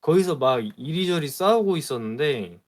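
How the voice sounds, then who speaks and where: A man, a streamer, telling a story in a casual chat, animated and aggrieved. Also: fairly high pitch, moderate pace. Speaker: streamer guest.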